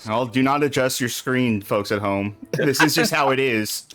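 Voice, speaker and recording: A man's voice: medium pitch, moderate pace, music in the background. A man giving casual, wry commentary as he plays a video game, often joking. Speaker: video game show host and player.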